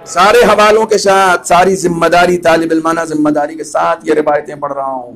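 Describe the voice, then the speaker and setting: A man delivering a Muharram majlis sermon as a cleric, impassioned, chanting Arabic phrases slowly and swelling to loud cries. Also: a little high, fairly even intonation, gravelly.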